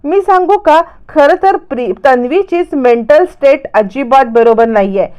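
A woman's voice: high-pitched, measured pace, warm tone, lo-fi sound, voice pushed up. A woman voicing a concerned young man who earnestly voices his suspicions.

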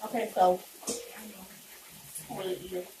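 Distant, slow-talking young woman in echoey room. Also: fairly low pitch, fairly even intonation. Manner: talking while eating. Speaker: vlogger. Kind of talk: casual mukbang chat. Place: indoors, small home room. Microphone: phone camera a few meters away. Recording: distant, echoey, noisy phone-camera recording.

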